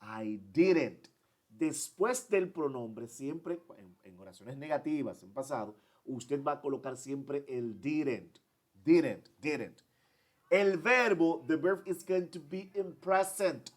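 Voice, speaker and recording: A man's voice: on the high side, takes it slowly. Male English teacher, explains each grammar rule in both languages. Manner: switches between Spanish and English, repeats and translates each point. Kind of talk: bilingual grammar lesson.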